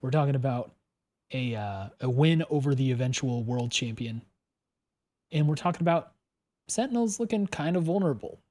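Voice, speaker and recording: A man's voice: medium pitch, lively intonation, moderate pace, dark tone. A man co-hosting an esports podcast, speaking with hyped enthusiasm. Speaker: podcast co-host. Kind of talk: casual podcast chat.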